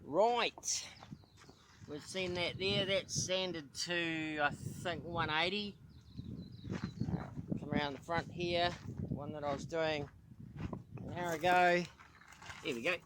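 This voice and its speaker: A middle-aged New Zealander with a New Zealand accent hosts his own casual do-it-yourself vlog about repairing his boat. His voice sits on the high side with a steady tone, and he talks slowly with frequent pauses over a noisy background. He sounds tired, chatting easily and thinking aloud as he works.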